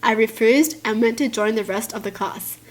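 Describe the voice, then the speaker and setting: A woman with a fairly high voice hosts a story-reading video. She reads accounts aloud and adds casual commentary, reacting in an animated, indignant way. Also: normal speed.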